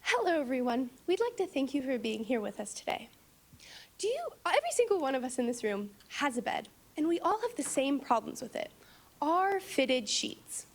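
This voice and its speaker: Young female founder, high voice, confident and rehearsed startup pitch to a panel. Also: sing-song, a little fast. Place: meeting room, standing before seated judges.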